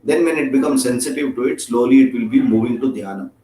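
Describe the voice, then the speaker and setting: A man's voice: medium pitch, fast, warm tone. A man with an Indian accent teaching an informal scripture class, chatty and joking, often checking in with his listeners. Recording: roomy echo.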